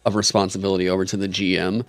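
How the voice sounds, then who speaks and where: A man's voice: low voice, flat delivery, very fast, dry recording. A man co-hosting a casual chat about a tabletop game, reading rules aloud and giving wry, frank opinions with lots of fillers, hiccuping now and then. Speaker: co-host reviewing a tabletop game.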